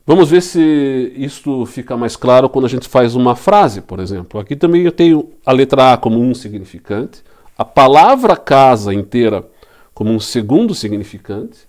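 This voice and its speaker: A man with a Brazilian Portuguese accent delivers a recorded lecture at a mid-range pitch. He works through each point patiently, asks rhetorical questions and answers them himself, and comes back to the same key terms again and again. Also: darkish tone. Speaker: law lecturer.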